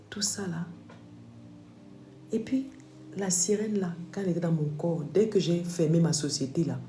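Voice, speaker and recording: A woman's voice: sits low, mellow. A woman giving a religious testimony, telling her story with animation and acting out the voices she heard. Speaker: testimony speaker. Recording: echoey room with faint music.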